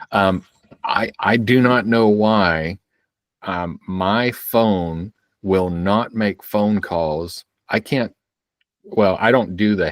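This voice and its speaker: A man's voice: sits low, dry recording. A man co-hosting a podcast, telling stories in an easygoing way with hedging fillers. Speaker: podcast co-host. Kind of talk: casual chat.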